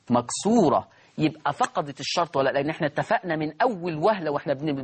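A man with an Egyptian Arabic accent teaching Quran recitation rules, step by step. He repeats key phrases slowly and quizzes his listeners with questions. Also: high voice, husky.

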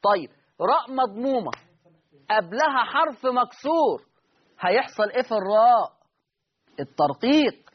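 A man with an Egyptian accent and a high voice teaches a recitation lesson. He explains step by step, repeats key points and quizzes his students. The recording sounds slightly muffled and lo-fi. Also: very animated, normal speed, pauses often, breathy edge. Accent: Egyptian Arabic.

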